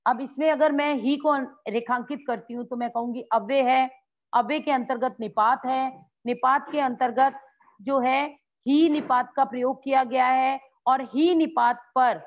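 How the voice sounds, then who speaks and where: Woman teacher explaining grammar to a class, acts out examples, answers her own questions; slightly high voice on a muffled recording. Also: a little slow. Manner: acts out example exclamations with lively swings in tone. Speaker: school Hindi teacher.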